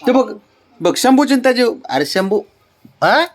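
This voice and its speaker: A man soothing his pet in gentle baby talk, coaxing it and repeating calm reassurances over and over. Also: extremely high pitch, measured pace. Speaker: pet owner vlogger.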